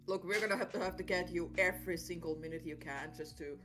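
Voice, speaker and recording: A woman co-hosting a game stream in casual chat, teasing, bossy and quick to exclaim. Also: lowish voice, a bit bright, faint music behind.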